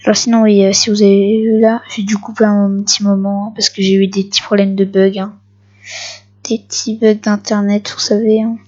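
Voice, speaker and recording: A woman giving casual gameplay commentary for her video channel, excitable and repeating short phrases at the game. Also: mid-range voice, normal speed, highs cut off. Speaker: gaming video creator.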